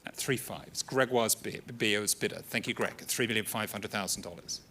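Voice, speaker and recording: A man working as an auctioneer, calling out bids in a brisk, rhythmic patter during a live sale in an auction room. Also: fairly low pitch, bright, forceful tone, slight background noise.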